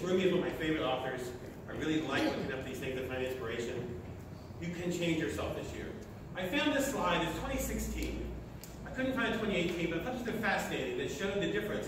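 Speaking in a voice on the high side for a man, a sixty-year-old Oklahoman gives a motivational address at a sustainability meeting, using short, forceful phrases. He is indoors in a big lecture hall, recorded by a camera far back in the room, so there is heavy echo and clear background noise.

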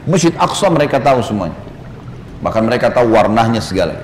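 A male preacher telling a story in a sermon, animated and addressing his congregation directly while acting out the quotes. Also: medium pitch, fast. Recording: echoey hall with faint background noise.

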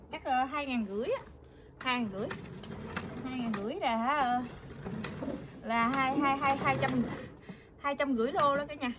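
A woman's voice: sits high, very noisy. A woman chatting casually to her viewers while filming at home, often hesitating and repeating words. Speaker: family vlogger. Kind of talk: casual vlog narration to viewers. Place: home garden outdoors, then kitchen.

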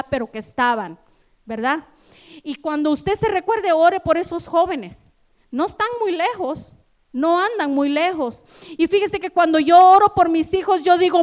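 A woman preaching a sermon in a church, addressing the congregation with rhetorical questions and building to loud, passionate exhortation. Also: high-pitched. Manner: addresses listeners as brother, asks rhetorical questions.

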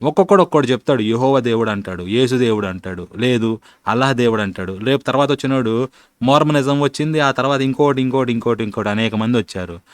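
Guy arguing on his channel, keeps firing rhetorical questions, mid pitch, dry close mic. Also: quick pace, smooth, no room sound. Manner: argumentative, asks rhetorical questions, colloquial. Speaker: channel host. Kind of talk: critical commentary on religion.

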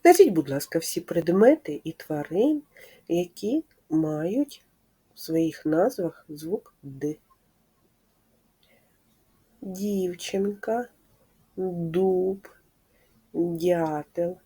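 A woman speech therapist giving a slow, clear lesson to preschool children, patiently asking questions and confirming their answers. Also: lowish voice, dark tone.

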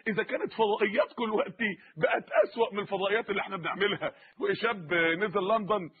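A man's voice: high voice, steady tone, slightly rough. A middle-aged man with an Egyptian accent preaching an impassioned, rhetorical sermon. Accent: Egyptian Arabic. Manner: impassioned, rhetorical, rapid-fire. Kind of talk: fiery sermon. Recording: tinny lo-fi phone-like recording.

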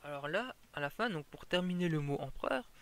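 A man's voice: fairly high pitch, expressive, brisk, fairly bright tone, clean tone. A man explaining a fire-breathing tutorial in an informal way, stopping and restarting as he goes over each step.

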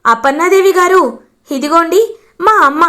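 A woman's voice: very high-pitched, moderate pace, bright, forceful tone, voice pushed up. A woman voicing a cheeky young boy who answers bluntly. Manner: blunt, matter-of-fact replies.

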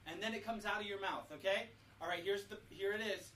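A woman hosts a casual family livestream, leading a Bible activity and giving the children short coaching instructions like a drama leader. Her voice is medium-pitched and fairly bright, and she speaks fairly quickly. The recording is noisy and roomy, picked up by a distant mic.

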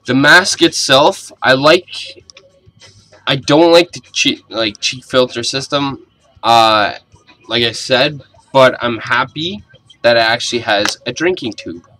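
A young man talks through a casual review in a small bedroom, picked up by a camera mic at arm's length. His voice is bright and forward, and his manner is blunt and informal. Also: medium pitch, slow, a little hiss or hum. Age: young adult. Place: small cluttered bedroom, indoors.

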